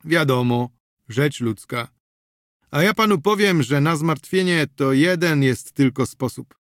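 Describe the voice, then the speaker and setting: A man's voice: fairly high pitch, expressive, unhurried, fairly bright tone, dry recording, clean studio sound, voice pushed up. A man voicing a small, slangy street hustler who coaxes a companion to drink. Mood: coaxing. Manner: coaxing, cheeky, slangy.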